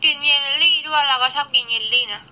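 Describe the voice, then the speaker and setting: Bright chatty young Thai woman. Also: high-pitched, fast talker, rough recording. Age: 20s. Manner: chatty, eats and reads viewer gifts while talking. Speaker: live streamer. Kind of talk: casual live stream chat.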